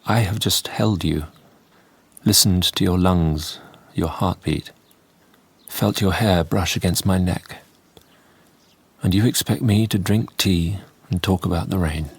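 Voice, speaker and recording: An actor playing a sombre Victorian doctor who narrates a radio drama in a measured, confiding way. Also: male voice, low voice, creaky, breathy edge, dry recording, full character voice. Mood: intense, yearning.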